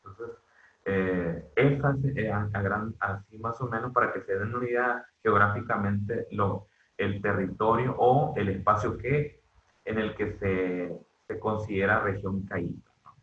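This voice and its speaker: Male lecturer from northwestern Mexico, lowish voice, halting with fillers, lo-fi echoey room sound. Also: steady tone. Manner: hesitant, many fillers and restarts, checks in with students. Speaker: university lecturer. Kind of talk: online class lecture.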